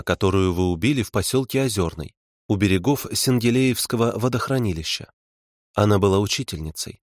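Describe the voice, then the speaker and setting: A man voicing a calm, composed woman investigator who speaks evenly and without emotion. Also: lowish voice, no echo, studio quality. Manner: cool, even, dispassionate.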